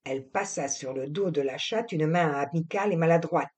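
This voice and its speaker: A woman narrating a classic novel as an audiobook, slowly and expressively. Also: deep voice, darkish tone, slightly rough.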